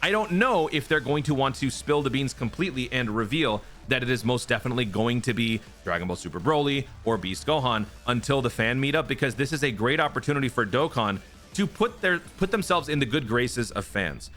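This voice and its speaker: Animated and fairly quick, this man's medium-pitched, fairly bright voice carries over faint music as he hosts his YouTube gaming channel. Not a native Japanese speaker, he chats through teasers, explains and speculates, frequently adding "right?"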